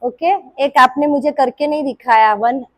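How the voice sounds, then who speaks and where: High-voiced woman yoga teacher. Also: normal speed, rough recording. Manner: scolding, coaxing, counts reps aloud. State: sore throat. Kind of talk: live group class instruction. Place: indoor yoga class room.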